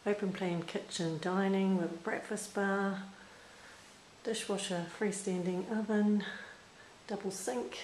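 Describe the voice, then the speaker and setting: A woman with a New Zealand accent narrates a walkthrough of a small empty house, ticking off features item by item with short pauses. Her pitch sits mid-range. The camera mic picks up a faint hiss behind her. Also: steady tone, darkish tone, rough recording. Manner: plain, listing features one by one with brief pauses. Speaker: rental property agent. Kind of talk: unscripted property walkthrough narration.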